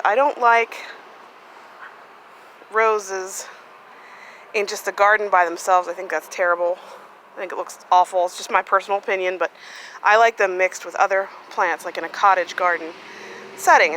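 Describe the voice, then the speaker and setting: In a casual vlog filmed on a handheld phone, a woman tours her sunny home garden outdoors, chatting with lots of fillers. Her medium-pitched voice sounds pushed and bright, and the poor audio has a little hiss or hum.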